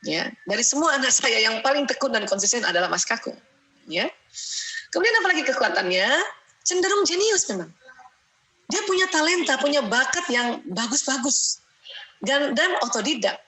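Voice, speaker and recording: A middle-aged woman gives an animated lecture on parenting and family life. Her voice is bright, forceful and slightly high. She laughs often and keeps checking in with her listeners with a quick "ya". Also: low-quality recording. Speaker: parenting speaker. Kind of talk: lively lecture with family anecdotes.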